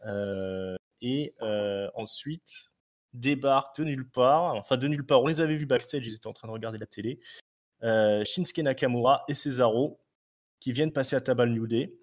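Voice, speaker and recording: A man's voice: medium pitch, moderate pace. French man recapping with many fillers. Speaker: podcast co-host. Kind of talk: casual recap chat.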